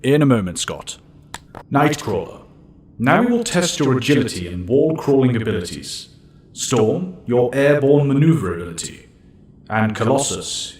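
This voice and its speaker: A man's voice: medium pitch, a little hiss or hum, close to an everyday voice. Man acting stern professor over background ambience. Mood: commanding. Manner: formal, blunt, commanding. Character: stern, authoritative older male professor and headmaster. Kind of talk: audio drama acting.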